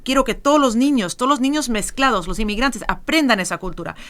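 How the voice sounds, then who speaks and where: A middle-aged woman on a podcast panel, arguing her point in a casual debate with emphatic, animated delivery. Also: a little high, quick pace.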